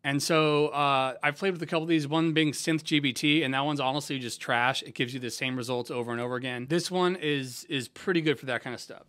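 A young man from San Diego, a music producer hosting a casual software tutorial in a laid-back, slangy, conversational way. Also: mid-range voice, steady tone, fairly quick, hardly any pauses. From San Diego, USA.

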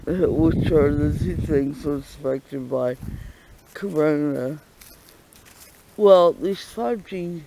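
A man with a raspy voice and a stuffy nose, vlogging casually from a wooded hilltop farm, rambling and halting with frequent ums and self-mocking asides. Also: on the high side, mellow, a little hiss or hum, low-quality recording. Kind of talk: casual outdoor vlog. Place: hilltop farm in the woods, outdoors.

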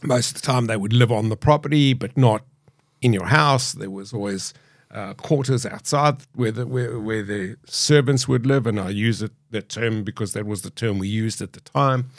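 A man in his fifties with a gentle South African accent talks slowly through his memories, hesitating as he picks his words. His voice sits a little low. The studio sound is dry and close. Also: dry recording. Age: 50s. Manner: measured, reflective, many hesitations. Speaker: podcast guest. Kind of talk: candid interview storytelling. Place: dark podcast studio. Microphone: studio boom mic.

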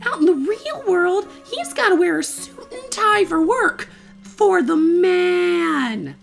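A woman voicing a friendly, laid-back male sunflower bard for a game, in a bright, cheery, slangy manner. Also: very high-pitched, animated, takes it slowly, creaky, faint music behind, full character voice. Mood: cheery, proud. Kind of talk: playful game dialogue read-aloud.

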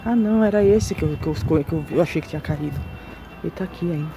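A Brazilian vlog host with a São Paulo accent walks through a cemetery outdoors, chatting casually but uneasily and exclaiming often. Her voice is low-pitched and dark, and she talks fast. Soft music plays in the background.

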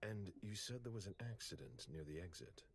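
A man's voice: low-pitched, lively intonation, fairly quick, creaky, slight background noise. A man voicing a terse male FBI agent in a video game, asking clipped questions.

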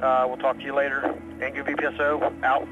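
A village public safety officer calling over a marine radio, speaking haltingly with many fillers. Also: male voice, medium pitch, flat delivery, over music. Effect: heard over a marine radio. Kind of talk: radio call. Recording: dull lo-fi radio sound.

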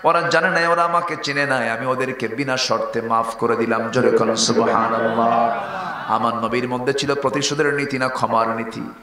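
A man preaching a fiery sermon. He rises to high, shouted peaks, calls out for the crowd to answer him, and slips into chanting. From Bangladesh. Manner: rousing, rising to a high shout, then chanting. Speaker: Islamic preacher. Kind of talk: fiery sermon with call-and-response. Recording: echoey public-address sound with faint noise.

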